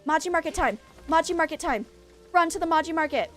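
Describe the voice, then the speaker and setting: Chatty high-voiced woman streamer. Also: fast, faint music behind. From Maine, USA. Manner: chatty and rambling, laughs often, talks to chat. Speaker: game streamer. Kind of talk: casual chat while streaming a game.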